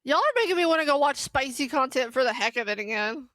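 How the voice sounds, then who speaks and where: A young woman hosts a game stream, chatting loosely and giggling with her viewers. Her voice sits high, and the sound is dry and close, with no room tone. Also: lively intonation, fast, a bit bright, dry recording. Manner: giggly and scattered, talking to chat. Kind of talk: casual live-stream chat.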